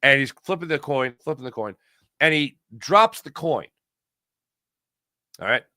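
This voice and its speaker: Recorded cleanly in a studio with no echo, a Pennsylvania-born American man speaks at a measured pace in an expressive, sharp, mid-range voice. On his sports talk livestream he chats casually with viewers, emphatic and prone to repeating phrases to make his case.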